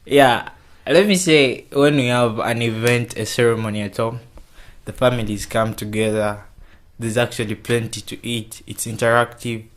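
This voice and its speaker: Halting young man from Kenya. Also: medium pitch, fairly even intonation, slight background noise. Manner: hesitant, repeats words when starting. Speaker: interview guest. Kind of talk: casual interview answers.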